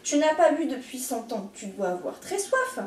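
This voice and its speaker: A woman's voice: sits high, sing-song, normal speed, far from the mic, slight background noise. A woman voicing a brave, cheerful little rooster in a storybook, speaking in an eager, friendly way, in an echoey room. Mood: polite.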